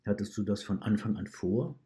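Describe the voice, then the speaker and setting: A man voicing a stern, patient male wolf catcher who asks calm, probing questions in a read-aloud story. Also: on the low side, moderate pace, natural voice.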